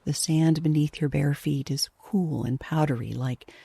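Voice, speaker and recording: In a low, soft voice with a breathy hush, a woman narrates a guided sleep meditation. She sounds gentle and calming, and she never rushes.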